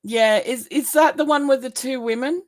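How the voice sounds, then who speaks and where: A woman's voice: high-pitched, normal speed. A woman hosting a casual live stream, chatting in a rambling way, laughing often and answering viewer comments.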